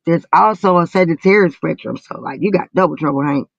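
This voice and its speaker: A woman's voice: low-pitched, a little fast, vocal fry, no room sound. Southern woman with a drawl, muffled call. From Southern United States. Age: 40s. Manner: slangy, profane, teasing. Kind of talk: casual group voice chat. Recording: muffled, band-limited voice call.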